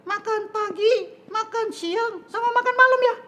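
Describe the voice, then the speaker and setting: A puppeteer voicing Kobon, a cheeky, silly child puppet in a kids church show. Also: male voice, unhurried, bright, forceful tone, heavily acted. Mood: playful. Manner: squeaky, playful, teasing.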